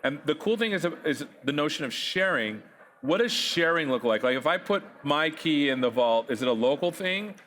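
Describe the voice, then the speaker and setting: A man's voice: a little high, animated, normal speed, a bit bright, a little hiss or hum. Chatty man hosting a tech interview. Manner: chatty, jokey, asks questions. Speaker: host. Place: conference studio set.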